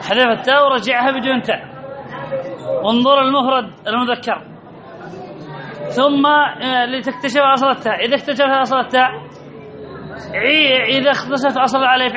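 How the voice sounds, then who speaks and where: High-voiced male teacher quizzing a class. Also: sharp tone. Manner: repeats rules, quizzes listeners with questions. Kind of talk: classroom grammar lesson. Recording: dull lo-fi recording with audience murmur.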